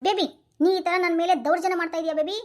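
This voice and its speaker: A woman's voice: very high-pitched, steady tone, racing, a little mellow, slight background noise. A woman voicing a meek, whining young husband in a Kannada cartoon, with a North Karnataka accent. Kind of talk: cartoon voice acting.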